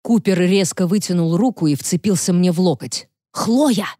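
A woman narrating a novel in a calm, even storytelling manner. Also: on the low side, brisk, no room sound, studio quality. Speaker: audiobook narrator. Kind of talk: scripted narration.

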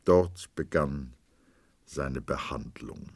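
Man reading a literary audiobook: deep, husky voice, wide pitch swings, dramatic with hushed passages. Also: animated, extremely slow, no room sound. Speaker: audiobook narrator.

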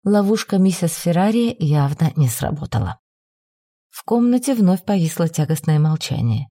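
A woman reading a novel aloud as an audiobook narrator, measured and expressive. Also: lowish voice, dry recording, studio quality.

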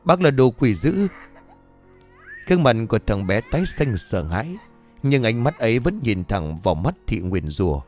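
A man narrating a scripted ghost story with a dramatic, expressive reading. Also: lowish voice, normal speed. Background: faint music.

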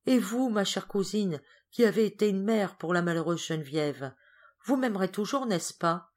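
A woman's voice: mid-range voice, expressive, normal speed, darkish tone, pitched above the performer's own voice, close to an everyday voice. A woman voicing a frail, tearful young girl who speaks in a pleading, breathless way in a storybook reading. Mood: tender.

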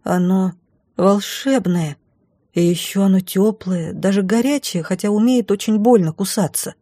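A woman reading an audiobook, voicing a timid, earnest young boy prince who asks soft, hushed questions. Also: medium pitch, moderate pace, no room sound, clean studio sound, close to an everyday voice. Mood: awed.

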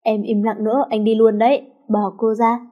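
A woman's voice: fairly high pitch, flat delivery, moderate pace, muffled recording, close to an everyday voice. A woman voicing a sulky teenage schoolgirl.

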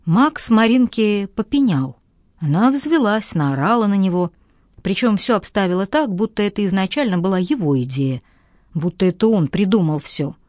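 A woman with a mid-range voice reads scripted audiobook narration, keeping her storytelling measured and even. It's a dry, studio-quality recording.

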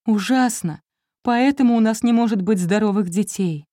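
A woman's voice: mid-range voice, moderate pace, mellow, dry recording, clean studio sound, pitched above the performer's own voice, natural voice. A woman reading an audiobook, voicing an anxious, tearful young wife in an emotional, pleading tone. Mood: distraught.

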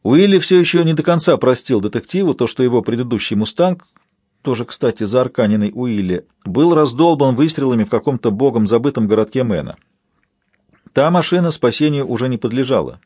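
Husky male audiobook narrator. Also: mid-range voice, animated, brisk, a little mellow, dry recording, studio quality.

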